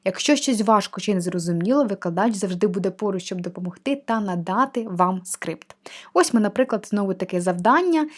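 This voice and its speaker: A young female teacher walks through an online course, explaining each exercise type in a friendly, patient way. Her pitch is middling, and she talks plainly and clearly. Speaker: language teacher reviewing a course platform. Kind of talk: screen-share walkthrough of a textbook.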